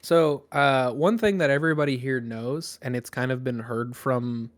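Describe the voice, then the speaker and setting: A man's voice: mid-range voice, steady tone, normal speed. A man narrating a tabletop game casually, with many fillers. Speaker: game master.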